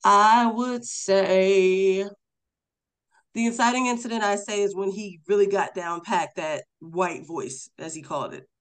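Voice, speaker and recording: A podcast co-host talking casually about a film, emphatic and quick to agree. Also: mid-range voice. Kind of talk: casual film review chat.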